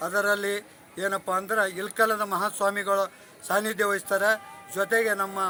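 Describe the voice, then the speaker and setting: A man's voice: sits high, pushed and bright. A man, a fair organizer, giving a formal declamatory speech outdoors at a village fair. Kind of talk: formal speech to a news camera. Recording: busy outdoor crowd noise.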